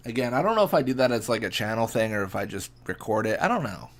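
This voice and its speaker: A man's voice: on the low side, sing-song, fast. A young man casually chatting and reacting while streaming a fishing game, laid-back and rambling as he answers chat.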